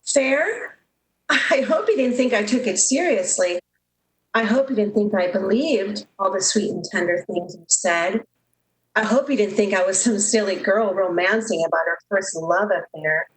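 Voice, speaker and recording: Heartbroken, hurt and proud, the lovestruck young switchboard operator is played by a woman in an emotive, melodramatic radio drama of 1930s style. She speaks at a moderate pace in an expressive mid-range voice close to her everyday one. Roomy echo and background noise fill the recording.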